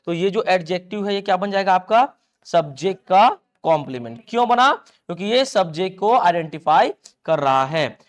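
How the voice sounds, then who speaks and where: A man's voice: sits high, expressive, normal speed. A man with an Indian accent teaching an English class, drilling pronunciation by asking students again and again and mixing Hindi with English words. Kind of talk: classroom lecture.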